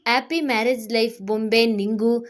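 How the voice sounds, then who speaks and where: A woman voicing a joking, friendly young man, the groom's close friend, in a spoken storybook, talking quickly. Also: a little high, steady tone, close to an everyday voice.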